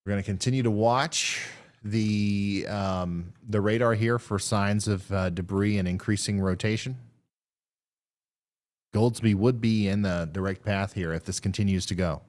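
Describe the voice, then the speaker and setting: A low-voiced man anchors a live severe weather broadcast. His commentary is unscripted and halting, as if he is thinking aloud while he reads the screen and passes on warnings. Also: steady tone, darkish tone. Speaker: live weather stream host.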